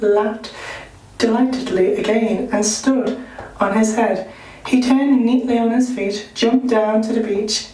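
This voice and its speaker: Male reader, measured novel narration, roomy room, some distance from the mic. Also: sits high, a little mellow. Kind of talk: reading a novel aloud.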